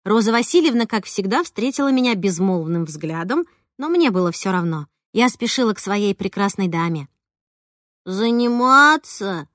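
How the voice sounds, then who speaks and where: Woman, audiobook narration, expressive, animated pitch, dry close recording. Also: moderate pace, no room sound. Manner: expressive, voices the dialogue. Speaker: audiobook reader. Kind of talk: first-person storybook narration.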